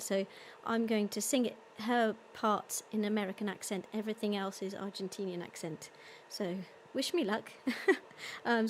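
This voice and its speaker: A woman in a casual live-stream chat between songs, talking in a slightly high voice with plenty of ums as she reads out comments from viewers. Her easy, unscripted delivery sounds relaxed and conversational. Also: slight background noise. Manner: chatty, with many ums, reading out viewer comments. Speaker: concert host and singer.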